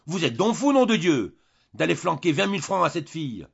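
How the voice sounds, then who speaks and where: A man voicing an indignant, greedy young husband who shouts in outrage, in a slightly dull recording. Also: medium pitch, big pitch swings, unhurried, creaky, breathy edge, voice pushed up, full character voice. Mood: furious.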